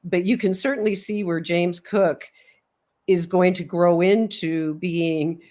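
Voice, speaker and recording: A woman with a fairly low voice hosts a relaxed sports chat, analysing the game in a steady, measured way.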